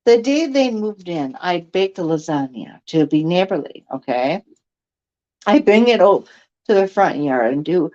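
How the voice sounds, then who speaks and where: Brief: a woman putting on a gossipy, condescending neighbor woman, lively pitch, muffled lo-fi recording. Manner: chatty, condescending, prying. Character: nosy gossiping middle-aged woman neighbor.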